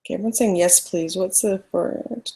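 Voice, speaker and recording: A photography instructor presents a casual live webinar in a loud, medium-pitched voice with fairly even intonation and a moderate pace. Using a computer mic, she talks her way past difficulties with screen sharing.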